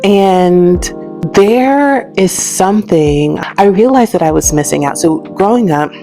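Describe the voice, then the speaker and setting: Low-voiced american woman chatting to camera, animated and laughy, soft music behind. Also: slow. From United States, raised in Alabama. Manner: animated, chatty, laughs between lines, big pitch jumps. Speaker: host. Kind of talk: casual direct-to-camera storytelling.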